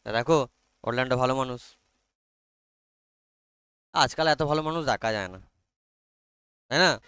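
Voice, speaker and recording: A man's voice: medium pitch, fairly bright tone, clean tone, no echo. A man with a Bengali accent teaching an online class, explaining a story in chatty Bengali laced with English and Hindi, often checking in with his students. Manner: reads English text aloud very slowly.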